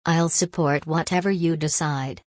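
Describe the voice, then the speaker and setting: A woman voicing a shaken, protective father who speaks quietly. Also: low-pitched, steady tone, moderate pace, no room sound, studio quality, natural voice.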